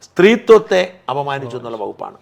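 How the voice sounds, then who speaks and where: A man's voice: mid-range voice, very animated, fairly quick, vocal fry, a little mellow. A man co-hosting a political talk show, arguing and explaining legal sections point by point. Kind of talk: casual political discussion.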